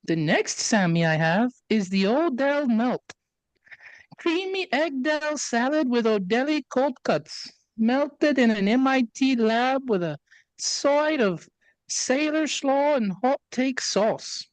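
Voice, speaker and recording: A woman's voice: sits high, animated, slow pace, dry recording, low-quality recording. A woman voicing a chirpy female menu presenter, doing a put-on Canadian-British accent with Scottish touches and upbeat announcer patter. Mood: cheery.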